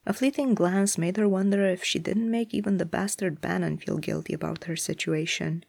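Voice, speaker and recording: A narrator reading a story aloud in a measured, even way. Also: mid-range voice, gravelly, no echo, clean studio sound.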